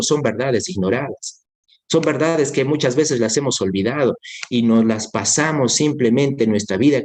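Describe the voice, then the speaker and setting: A man's voice: mid-range voice, a little mellow. A man preaching a sermon in earnest, repeating key phrases and speaking straight to his listener as a brother. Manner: addresses listener directly as brother.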